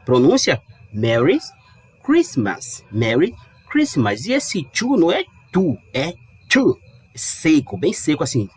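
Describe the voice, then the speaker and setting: A man teaching English in a casual, chatty way, slowing down to model pronunciation. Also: fairly high pitch, slightly rough, dry recording. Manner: lively, chatty, stretches English words slowly to model pronunciation. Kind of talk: casual explanatory lesson. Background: dog barking outside.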